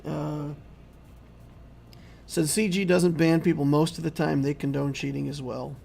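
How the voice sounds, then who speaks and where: A man hosting a casual game livestream, reading and answering viewer chat in a rambling, conversational way while he keeps losing his voice and clearing his throat. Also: fairly high pitch, fairly even intonation, measured pace, mellow. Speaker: YouTube game channel host.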